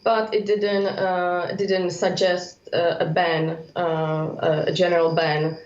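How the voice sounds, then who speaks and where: A woman from the Czech Republic, a political analyst joining by video call, speaking haltingly with many fillers. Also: lowish voice, level tone, darkish tone. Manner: halting, heavy use of uh fillers. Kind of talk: remote expert commentary. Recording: echoey muffled remote link.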